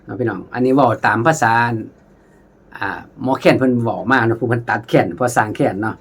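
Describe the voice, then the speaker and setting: A man with an Isan accent giving a casual khaen lesson, chatting warmly to viewers as brothers and sisters and sometimes singing melodies in syllables. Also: medium pitch, steady tone, quick pace, gravelly, breathy edge. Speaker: khaen teacher.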